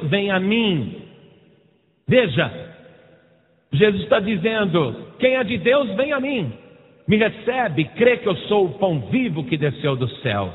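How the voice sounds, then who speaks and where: A Brazilian pastor preaches a sermon in a high voice, piling up emphatic lists before sinking low and slow. The sound is tinny and lo-fi, as if heard over a phone line. A long hall reverb trails behind every phrase. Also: male voice. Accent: Brazilian Portuguese.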